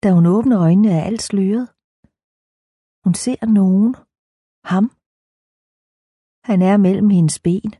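Dark-toned woman narrating an audiobook. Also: medium pitch, pauses often, slightly rough, no echo.

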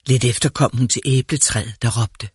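A man narrating a fairy tale in a calm, measured storytelling manner. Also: mid-range voice, husky, no echo, clean studio sound.

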